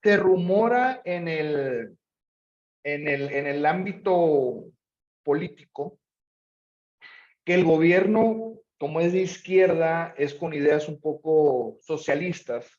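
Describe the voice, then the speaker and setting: A man's voice: a little high, takes it slowly, a little mellow. A man presenting and answering questions conversationally, with rhetorical questions thrown in. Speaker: presenter, logistics expert. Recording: echoey room, slightly muffled audio.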